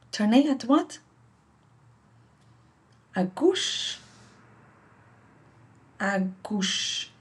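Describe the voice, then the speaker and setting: A woman hosting her own channel, practicing French phrases aloud, repeating each one carefully and correcting herself; French is not her first language. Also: sits high. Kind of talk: slow pronunciation practice.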